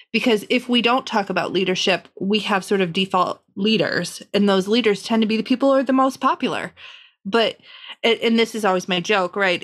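A woman in her forties co-hosts a podcast in casual conversation. She explains her points in a thoughtful, measured way, with a mid-range voice. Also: medium pitch, fairly bright tone. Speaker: podcast co-host.

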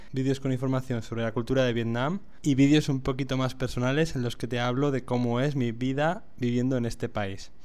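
A man hosting a travel podcast, reading a measured intro. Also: mid-range voice, a little mellow, smooth. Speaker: podcast host.

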